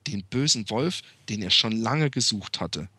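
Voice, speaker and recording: A man's voice: fairly low pitch, expressive, unhurried, sharp tone, breathy edge, no room sound. A young man reading a fairy tale aloud and interrupting with sarcastic, crude asides.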